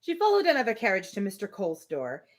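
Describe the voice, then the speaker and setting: Reading a classic novel aloud on a livestream, this host speaks fast in a medium-pitched voice. Her delivery is expressive, and she pauses for informal, amused asides.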